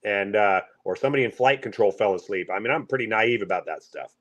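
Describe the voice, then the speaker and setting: A man from the Pacific Northwest, a truck driver, telling a story in a casual, rambling, halting way with many fillers. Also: fairly low pitch, a bit bright.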